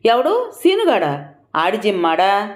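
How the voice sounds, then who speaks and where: A woman's voice: medium pitch, wildly swooping pitch, unhurried, roomy sound, voice pushed up. A woman voicing an angry village mother who scolds and curses her daughter. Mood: furious. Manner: shouting, cursing.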